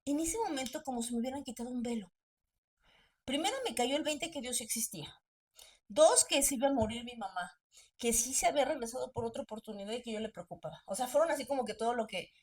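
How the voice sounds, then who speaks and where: A woman's voice: fairly high pitch, fast talker, a little mellow. Earnest woman telling her testimony. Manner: earnest storytelling, acting out remembered voices. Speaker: missionary guest.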